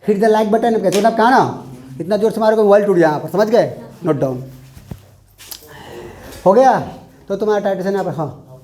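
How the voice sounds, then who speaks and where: A man teaching chemistry in a classroom, quizzing his students call-and-response questions in an animated way. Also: high voice, moderate pace, pauses often. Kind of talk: classroom lecture.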